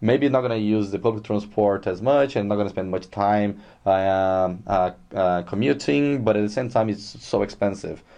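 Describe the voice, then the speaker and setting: Low, mellow Brazilian man chatting. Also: moderate pace, vocal fry, few pauses. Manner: relaxed, chatty, many fillers. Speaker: guest. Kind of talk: casual interview. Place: Dublin.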